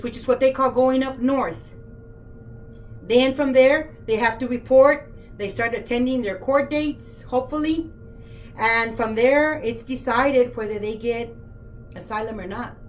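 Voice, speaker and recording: A woman's voice: high voice, normal speed, a little hiss or hum, rough recording. A woman speaking earnestly to camera about her work, impassioned and emotional, often asking listeners direct questions. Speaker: author and former detention center worker.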